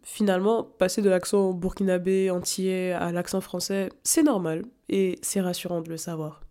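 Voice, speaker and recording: Female podcast host from Africa, scripted and poised, with a warm, mellow tone. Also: on the low side, flat delivery, moderate pace. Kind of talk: scripted narration.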